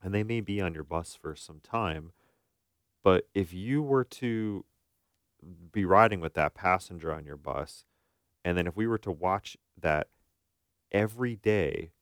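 Here a man with a low voice speaks at a measured pace, recorded at studio quality without any room sound. A therapist co-hosting a chatty podcast, he illustrates his points informally with analogies and performed quotes.

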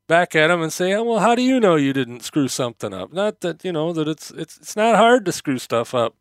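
A man talks casually as the host of a solo podcast, in a slightly high, clear voice with a touch of numb-mouthed speech from dental work. He meanders conversationally, hesitating and circling back. The sound is close and dry. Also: dry recording.

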